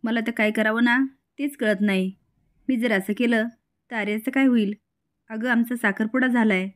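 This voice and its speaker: An uneasy young husband caught between two women, pleading and defensive in a retold serial drama, put on by a woman storyteller. His lines are not lowered, so the voice stays fairly high. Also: steady tone, normal speed, a bit bright. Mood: troubled.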